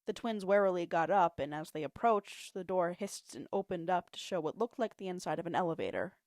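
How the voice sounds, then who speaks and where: Woman, amateur audiobook reader, expressive storytelling, home mic, dry sound. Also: on the low side, brisk, dry recording. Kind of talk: amateur narration of fan fiction. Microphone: home mic, not professional.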